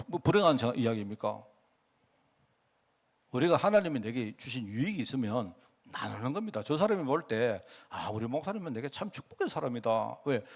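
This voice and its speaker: A male pastor preaching a sermon in a conversational way, often asking the congregation questions and using dialect turns of phrase. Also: fairly high pitch.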